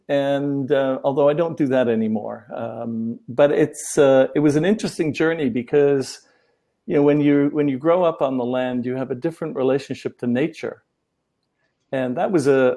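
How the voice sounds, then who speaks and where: A middle-aged man from Wales, a relationship coach, giving thoughtful interview answers with many pauses and restarts. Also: mid-range voice, dark tone.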